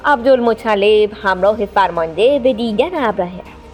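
Brief: female storyteller, expressive children's-story narration, soft music bed. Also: mid-range voice.

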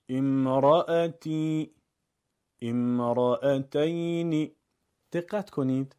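Mellow-voiced man teaching recitation. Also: mid-range voice. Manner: slow, clear drawn-out recitation of example words. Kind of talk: recorded lesson on recitation rules.

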